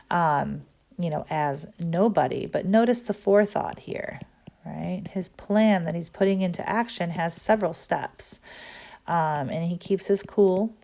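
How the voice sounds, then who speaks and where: Woman teacher, lowish voice, explanatory, frequent "right?" checks, recorded lesson. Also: creaky, a little mellow.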